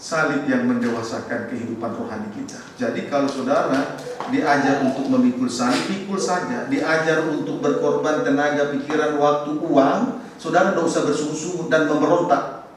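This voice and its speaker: A man's voice: fairly high pitch, normal speed. A man preaching a sermon as pastor, emphatic, repeating scripture lines and calling back to the congregation. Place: church hall. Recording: very echoey church hall, mic far off, faint noise.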